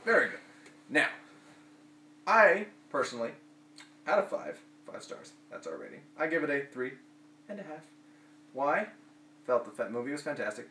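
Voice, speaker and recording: A man's voice: medium pitch, bright, forceful tone. A man casually reviewing a film, rambling and restarting his sentences, recorded from a distant mic in a roomy space with a faint hum. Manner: rambling, many fillers and restarts.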